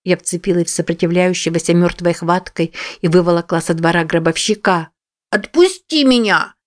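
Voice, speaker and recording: A woman narrates a first-person story with a low voice. Her reading is measured and somber, steady through long passages. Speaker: audiobook narrator.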